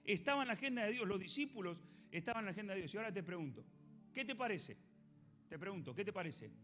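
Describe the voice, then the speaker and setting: A man with an Argentine accent preaching a sermon as a pastor, animated, questioning the congregation and acting out biblical voices. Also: sits high, fast talker, soft background music. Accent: Argentine Spanish.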